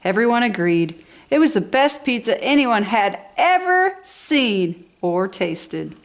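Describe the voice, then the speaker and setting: Reading a picture-book story aloud for a toddler channel, a woman lets her pitch swing widely, stressing key words with animated enthusiasm. She takes it slowly, and her exaggerated, expressive delivery is plainly meant for small children.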